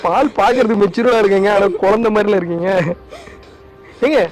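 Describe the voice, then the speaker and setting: Hosting a prank video, a man whose voice sits high speaks fairly quickly, repeatedly pleading and saying sorry between nervous laughs. The casual apology plays under loud background music.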